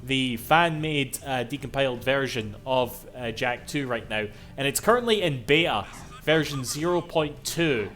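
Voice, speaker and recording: A man's voice: medium pitch, expressive, a little slow, few pauses, fairly bright tone. A man giving casual, chatty live commentary as a game streamer, swearing freely.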